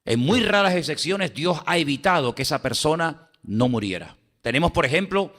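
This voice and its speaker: A man preaches to his congregation in a church, retelling Bible scenes with animated voices for the characters. His voice sits a little high and rings very bright and forward. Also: moderate pace. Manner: animated storytelling, acting out the king and Daniel. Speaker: pastor. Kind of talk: sermon.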